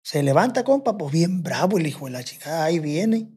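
A man's voice: fairly high pitch, sing-song, brisk, background noise. A man with a Sinaloan Mexican accent, a podcast guest telling a long story in a rambling, profane way and quoting what people said. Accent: Sinaloan Mexican Spanish. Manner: rambling, profane, quotes himself and others. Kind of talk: casual storytelling.

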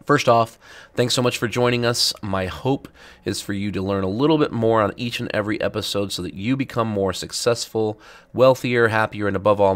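A middle-aged man hosting a finance podcast, speaking casually with many ums, his voice raspy and a little stuffed up after illness. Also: on the low side. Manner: chatty, many ums and uhs. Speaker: podcast host, financial advisor. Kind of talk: casual educational podcast talk.

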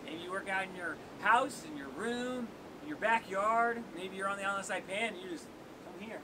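High-voiced upbeat man coaching a workout. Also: brisk. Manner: upbeat, joking, counting down. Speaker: workout host. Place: small seaside cave outdoors. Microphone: camera on tripod at a distance. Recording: noisy outdoor recording with wave rumble.

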